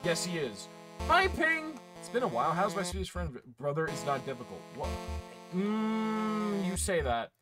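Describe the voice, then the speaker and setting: Guy streaming a game and chatting w/ chat, kinda high voice, pitch all over the place. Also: animated, normal speed, music in the background. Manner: chatty, swears, laughs, talks to chat. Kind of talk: casual live game commentary.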